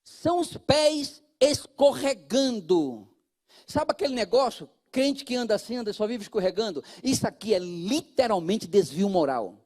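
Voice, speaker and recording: Brazilian pastor guy preaching, high voice that swoops all over, loud then hushed. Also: normal speed. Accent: Brazilian Portuguese. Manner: animated, swings from loud to hushed, talks directly to the congregation. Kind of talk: sermon.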